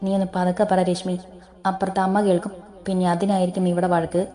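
A woman's voice: fairly low pitch, level tone, fast talker, warm tone, close to an everyday voice. A woman voicing an irritable resentful son. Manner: irritable, grumbling.

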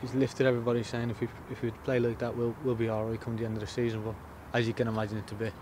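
A man in his thirties, a footballer giving a post-match interview outdoors by the pitch, plain-spoken and repeating words as he thinks. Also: little pitch movement, racing, noisy background.

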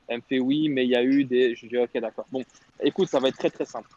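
A man's voice: mid-range voice, steady tone, fast, a little mellow, muffled recording. A young man telling a long story in casual slangy chat on a radio show, quoting others as he goes. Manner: rambling, slangy, quotes others.

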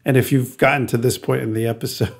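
Podcast co-host, male, gravelly voice, chatty and hesitant. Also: medium pitch, little pitch movement, quick pace. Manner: chatty, hesitant, with restarts and laughs. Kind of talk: casual chat.

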